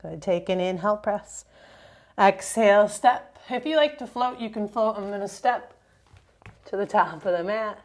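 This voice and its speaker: A woman teaching a yoga class, giving calm step-by-step cues for breath and movement. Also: medium pitch, normal speed. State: slightly out of breath at times. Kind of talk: guided yoga class instruction.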